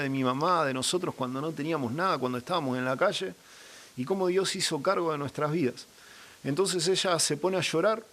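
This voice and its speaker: A young man shares an earnest faith testimony as a guest. His voice sits a little high for a man, and he acts out the lines of everyone in his story. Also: fairly bright tone. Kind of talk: personal religious testimony.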